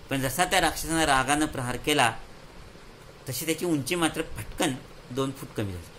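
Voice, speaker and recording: Bright-voiced male children's storyteller. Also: fairly high pitch, a little hiss or hum, poor audio. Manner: lively, repetitive, explaining. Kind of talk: moral story narration.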